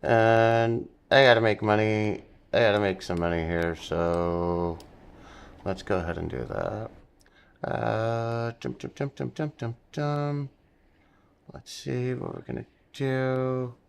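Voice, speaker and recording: Guy on a trading livestream, gravelly fry, takes his time, rambles to himself, swears casually. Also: lowish voice, fairly even intonation, slow. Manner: rambling, muttering to himself between reactions. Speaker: day trading livestream host.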